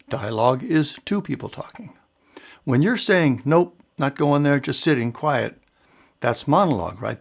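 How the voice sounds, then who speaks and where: A man with a gravelly, slightly rough-edged voice talks alone to his listeners. He explains in a calm, measured way, now and then checking in with a quick aside. It sounds like a coach running his own show. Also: medium pitch. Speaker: mental game coach and show host. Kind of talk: solo talk to camera or mic, explaining.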